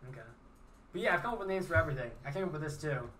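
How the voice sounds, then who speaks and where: A young man co-hosting a casual podcast chat, chatty and quick to object. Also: fairly high pitch, expressive, sharp tone. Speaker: podcast co-host. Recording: distant mic, faint room noise.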